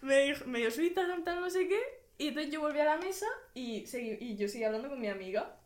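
A young Murcian woman tells a story on a podcast, laughing as she goes and acting out the dialogue in her own voice. Her voice sits fairly high. The room around her is echoey. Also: expressive, quick pace. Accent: Spanish from Murcia. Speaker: podcast guest. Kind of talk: casual storytelling.

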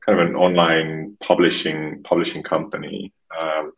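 A man from Estonia in his thirties, a podcast guest talking casually and haltingly, often restarting and repeating words. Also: extremely low pitch, level tone, vocal fry, a bit bright, rough recording. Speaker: podcast guest, marketing expert. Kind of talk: casual interview conversation.

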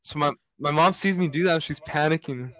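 A man's voice: a little high, a little fast, poor audio. Young man rambling through a story. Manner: storytelling, animated with lots of fillers. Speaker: podcast co-host. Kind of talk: casual chat.

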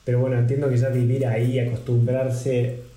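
A man with a Rioplatense Argentine accent hosting a casual interview, asking questions and adding quick jokes. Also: mid-range voice, monotone, mellow. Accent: Rioplatense Argentine Spanish. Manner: attentive, brief backchannels and jokes. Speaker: host, interviewer. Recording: echoey room, faint ambient noise.

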